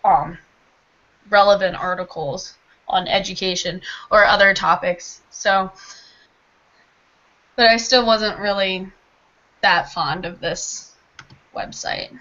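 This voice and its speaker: A woman's voice: mid-range voice, fairly even intonation, takes it slowly, pauses often, a bit bright, highs cut off. A young woman studying early childhood education, chatting casually over a video call and often saying "like". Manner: chatty, frequent "like". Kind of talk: casual online group discussion.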